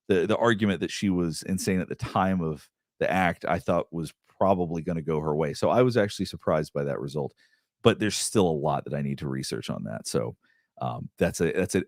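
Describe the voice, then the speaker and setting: Here a middle-aged Southeastern American man, a therapist running a live Q&A, wanders loosely through audience questions, restarting often and leaning on fillers. His voice sits low, captured in a dry, clean studio recording.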